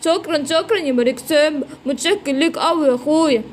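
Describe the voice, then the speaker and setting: A woman with an Egyptian accent voicing a greedy, chubby male animal who whines and pleads in a drawn-out way. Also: high voice, a little hiss or hum, lightly acted. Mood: sheepish. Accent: Egyptian Arabic. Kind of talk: children's story voicing.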